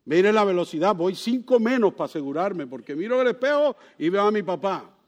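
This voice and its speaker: Male preacher, high register, dramatic storyteller who bursts into exclamations. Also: a little fast. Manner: animated storytelling with sudden exclamations; asks the congregation questions. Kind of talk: sermon.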